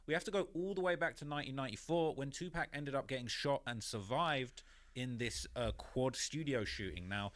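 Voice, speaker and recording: A man's voice: mid-range voice, brisk, fairly bright tone. A man narrating a story in a conversational way, with many "you know" and "basically" fillers. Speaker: YouTube narrator.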